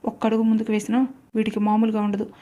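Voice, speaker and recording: A cocky young man full of attitude, as a woman storyteller voices him in a storybook tale. He threatens in a level, mellow voice pitched on the high side, with little rise and fall. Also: completely flat delivery, fast talker, muffled recording, close to an everyday voice. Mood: threatening. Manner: menacing, mocking.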